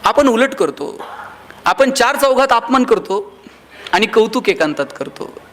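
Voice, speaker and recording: A man's voice: very high-pitched, lively intonation, unhurried, a bit bright. A man giving a motivational speech to a live audience, telling humorous stories and acting out the voices of the people in them. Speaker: motivational speaker.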